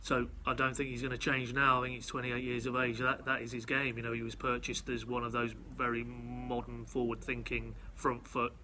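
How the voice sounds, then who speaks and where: A man's voice: mid-range voice, completely flat delivery, a little fast, few pauses, sharp tone, slight background noise. A man working as a football correspondent, chatting analytically on a podcast and often stumbling over repeated words. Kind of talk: casual football podcast chat.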